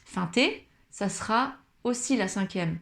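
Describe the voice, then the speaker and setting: A woman giving a patient guitar lesson, explaining chords slowly and singing short examples. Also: medium pitch, lively intonation, vocal fry. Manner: patient, explains slowly, sings along softly. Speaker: guitar teacher. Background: acoustic guitar playing.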